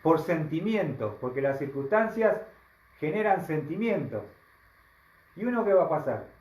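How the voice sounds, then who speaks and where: A man with a Rioplatense Spanish accent preaching a sermon, slow and emphatic, often asking the congregation rhetorical questions. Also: a little high, very animated, a little mellow, echoey room, rough recording. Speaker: pastor.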